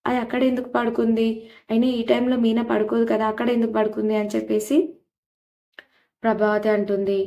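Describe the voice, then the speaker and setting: A woman's voice: fairly high pitch, little pitch movement, a little fast, creaky, mellow. A woman retelling a TV serial episode in a plain storytelling way, with many filler phrases. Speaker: serial recap narrator.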